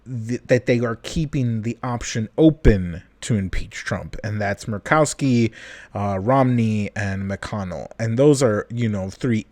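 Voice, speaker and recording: A man's voice: on the low side, a little slow, darkish tone, no room sound. A man hosting a casual political podcast, loose and laughing often, with casual swearing. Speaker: podcast host.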